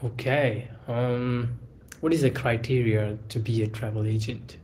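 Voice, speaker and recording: Young man, mid-pitched voice, slightly sick with a cold. Halting, searches for words, faint hiss. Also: fairly even intonation, darkish tone. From grew up in India. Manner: hesitant, many fillers and restarts. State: has a cold. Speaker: English learner. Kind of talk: casual video-call chat. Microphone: earbuds on a video call.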